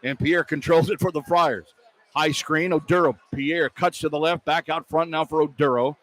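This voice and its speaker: An American man works as a radio announcer, calling live basketball play-by-play and reading sponsor spots from a broadcast position inside a large indoor arena. His voice sits on the high side, fairly bright, with fairly even intonation at a normal speed. The live broadcast carries arena ambience and noise in the background.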